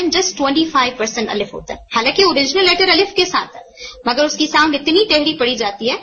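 A woman tajweed teacher explaining recitation rules in a code-mixed style and slowly chanting example phrases. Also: high-pitched, bright, forceful tone, dull audio. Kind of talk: online Quran recitation lesson.

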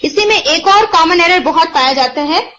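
A woman's voice: very high-pitched, animated, normal speed, fairly bright tone. A woman teaching Arabic pronunciation, patiently explaining and demonstrating the sounds in a mixed-language online lesson. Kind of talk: online lesson, Hindi-Urdu mixed with English. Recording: dull, muffled lo-fi audio.

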